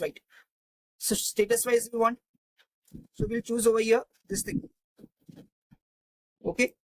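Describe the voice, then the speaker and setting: A man's voice: high-pitched, fairly bright tone, no room sound, rough recording. A man teaching a spreadsheet tutorial, thinking aloud with many fillers and restarts. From India. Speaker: Excel tutor. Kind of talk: screen-recorded spreadsheet tutorial.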